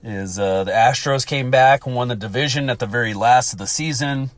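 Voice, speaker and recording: A man's voice: medium pitch, fairly quick, no echo. Stuffy-nosed American man chatting casually. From Texas, United States. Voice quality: stuffy, congested nasal voice. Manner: rambling, profane. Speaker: podcast host. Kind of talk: casual solo sports chat.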